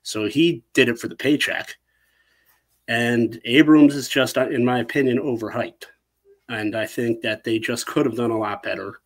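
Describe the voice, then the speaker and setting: Opinionated man, 30s, relaxed podcast chatter, mid voice. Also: medium pitch, normal speed. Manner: blunt, opinionated, trails off quietly. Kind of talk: casual opinionated chat.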